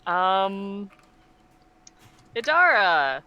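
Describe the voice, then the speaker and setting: A woman's voice: medium pitch, sing-song, extremely slow, highs cut off. A woman casually improvising as a tabletop game player, hesitant and thinking aloud.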